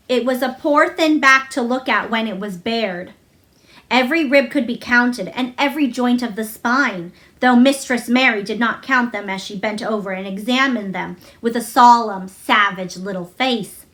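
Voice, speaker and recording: A woman with a high, bright voice reads a children's story aloud. She delivers the scripted prose expressively, like a storybook reader.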